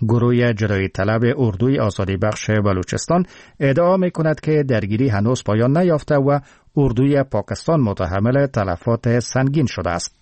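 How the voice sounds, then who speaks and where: Male newsreader, studio-dry, steady and formal in his delivery. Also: mid-range voice, no room sound. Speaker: news anchor. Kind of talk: scripted news reading. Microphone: dry studio mic.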